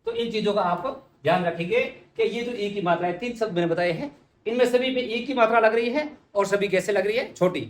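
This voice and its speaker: A man's voice: sits high, fairly quick, echoey room. A man teaching spelling for exams, patiently repeating words and answering his own questions. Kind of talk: exam-prep lesson.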